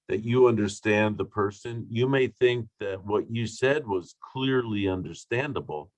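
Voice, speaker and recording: Over a video call, a man gives an online training talk on communication, deliberate and emphatic, with asides and fillers. His voice is lowish, and the recording is rough but has no echo.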